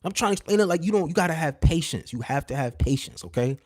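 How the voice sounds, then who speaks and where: A man in his thirties or forties hosting a livestream, telling stories in an animated, streetwise way, filling his talk with "you know what I'm saying" asides and dropping to a hushed voice at tense moments. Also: fast, no echo, studio quality. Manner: drops to a hushed, low voice when retelling tense moments. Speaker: livestream host. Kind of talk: casual storytelling to a live chat.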